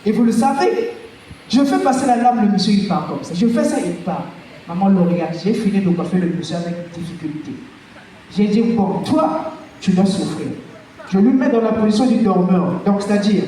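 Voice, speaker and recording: Male stand-up, high voice, animated storyteller who shouts his punchlines; the stage mic is picked up from a distance. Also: moderate pace, slight background noise. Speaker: stand-up comedian. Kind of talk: stand-up comedy routine. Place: festival stage before a live audience. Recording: echoey hall recording from far off.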